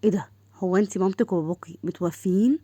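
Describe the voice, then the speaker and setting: A woman's voice: mid-range voice, racing, mellow, husky, no room sound, close to an everyday voice. A woman doing a teasing young man. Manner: joking, teasing.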